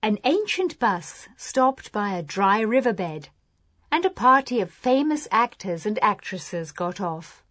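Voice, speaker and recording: A woman narrating a scripted language lesson story in a clear, deliberate way. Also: mid-range voice, very animated, fairly bright tone, dry recording.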